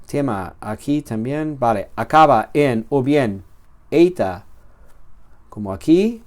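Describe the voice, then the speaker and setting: A man teaches a grammar lesson at a slow, steady pace. His voice sits in a middle pitch, and he often pauses on "eh" and "am" while he repeats himself to explain. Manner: slow and explanatory, with fillers and restarts. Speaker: Greek teacher.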